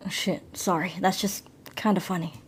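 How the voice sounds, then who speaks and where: A woman's voice: lowish voice, steady tone, moderate pace, husky. A woman voicing a smirking young man on a date in a story game, with a dry, teasing manner.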